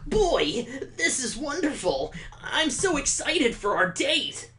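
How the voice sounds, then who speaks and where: A man voicing a clingy, lovestruck young man who talks with exaggerated, breathy sweetness. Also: very high voice, big pitch swings, takes it slowly, pushed and bright, pitched above the performer's own voice, full character voice. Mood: gushing.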